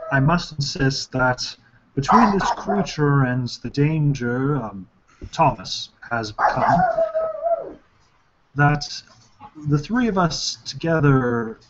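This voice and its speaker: A man's voice: a little high, heavy background noise. A man playing a tabletop game in character, speaking formally with hesitations. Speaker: player. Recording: muffled lo-fi recording.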